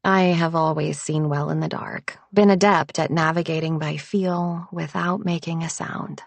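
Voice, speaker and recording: A woman narrating an audiobook in first person, reading at a measured, even pace. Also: low-pitched, creaky, no echo.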